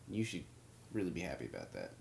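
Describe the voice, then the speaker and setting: A man's voice: low-pitched, huge pitch swings, fast talker, creaky, a little mellow, a little hiss or hum. A man acting in comedy outtakes, improvising and reworking his lines with coarse language. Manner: profane, repeats lines with new endings. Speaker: actor recording comedy outtakes. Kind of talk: comic dialogue takes with improvised riffing.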